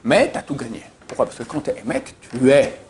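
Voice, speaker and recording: There's a little hiss or hum behind this mid-range male voice, which runs a little fast. He teaches Torah informally through anecdotes, telling them with animation and emphatic repeats. His speech is studded with hesitations and the filler "euh."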